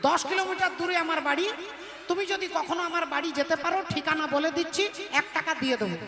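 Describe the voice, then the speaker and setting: A woman's voice: extremely high pitch, fast. A woman voicing a stingy, scheming village husband in a devotional story, in an echoey hall with music behind. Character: miserly middle-aged village husband.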